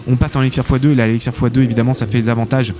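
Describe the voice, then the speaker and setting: A man casting a live esports tournament as host, excitable and chatty, full of filler interjections. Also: medium pitch, rapid-fire. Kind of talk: live game commentary. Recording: game music behind the voice. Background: game music.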